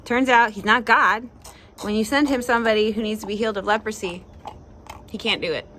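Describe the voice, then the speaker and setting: A woman's voice: a little high, steady tone, brisk, pushed and bright, slight background noise. A young adult woman hosting a casual Bible chat, chatty, often laughing, and acting out the people she quotes. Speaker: devotional host.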